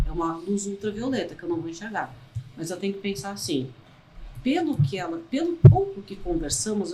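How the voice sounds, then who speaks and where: A woman's voice: mid-range voice, mellow, slight background noise, poor audio. A woman with a Brazilian Portuguese accent, a panel guest who explains things with step-by-step examples. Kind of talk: casual panel discussion.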